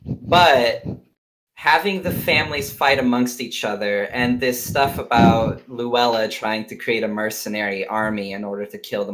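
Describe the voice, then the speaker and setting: A man's voice: on the low side, fairly bright tone, rough recording. A man talking casually as a player in a tabletop role-playing game.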